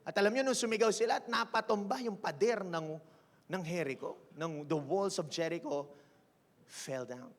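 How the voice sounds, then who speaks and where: A man preaching with energy, his voice sitting high and bright for a man. He switches into English mid-sentence and keeps drawing answers from the congregation. A long reverb from the church hall trails each phrase. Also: moderate pace. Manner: energetic, mixes English into Tagalog, keeps asking the church to respond. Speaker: senior pastor. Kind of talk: sermon. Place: church sanctuary.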